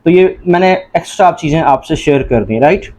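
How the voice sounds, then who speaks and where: A man's voice: on the high side, expressive, brisk, a little mellow. A man with a Pakistani Urdu accent teaching an entry-test lesson, asking each question and answering it himself, often calling the listeners "janab".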